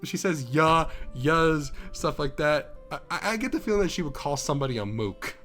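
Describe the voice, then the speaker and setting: A man's voice: fairly high pitch, very animated, fast, a bit bright, faint music behind. A young man narrating a visual novel and chatting casually, joking crudely and laughing often. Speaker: co-host of a visual novel read-through.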